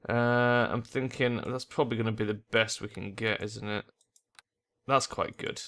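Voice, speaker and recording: A man's voice: lowish voice, fairly even intonation, moderate pace, a bit bright. A man giving informal, sweary gameplay commentary as he thinks aloud. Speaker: gamer, let's play host.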